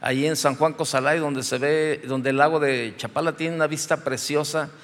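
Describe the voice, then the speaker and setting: A Mexican pastor preaching in a slightly high voice that rings through the long reverb of a church hall. His delivery is chatty and full of humor, like a man telling an anecdote among friends before he brings it back to the point. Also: fairly even intonation, moderate pace, fairly bright tone. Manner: conversational, joking storytelling from the pulpit. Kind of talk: sermon.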